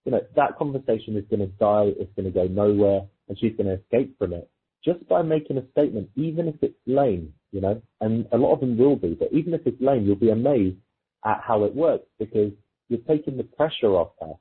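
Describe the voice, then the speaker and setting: A dating coach with a very husky, rough-edged, low-pitched male voice explains things informally and conversationally, illustrating his points with quoted example exchanges. He's animated and brisk. The recording is muffled, thin, and lo-fi, like phone audio.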